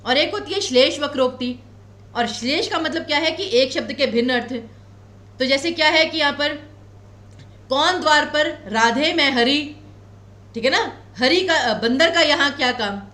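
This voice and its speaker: Lady teacher in an echoey room, high voice, goes way up and down, slow careful explaining. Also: lively intonation, fairly bright tone. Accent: Himachali Hindi. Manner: explains patiently, repeats key points slowly; reassuring, tells students not to worry. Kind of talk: exam coaching lecture.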